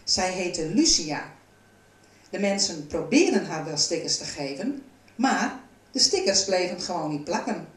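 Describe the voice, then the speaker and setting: A woman reading a children's storybook aloud in a calm, even narrating voice. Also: on the low side, unhurried. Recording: roomy, from a distance.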